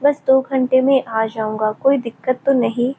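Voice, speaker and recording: A woman voicing a caring young male doctor who speaks softly and affectionately in an audio story. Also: sits high, steady tone, unhurried, a little hiss or hum, poor audio. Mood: calm. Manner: soft, affectionate, coaxing.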